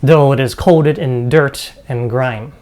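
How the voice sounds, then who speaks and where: A man running a tabletop game as dungeon master, narrating with halting pauses. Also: medium pitch, fairly even intonation, darkish tone. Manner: halting, fixing game settings mid-scene.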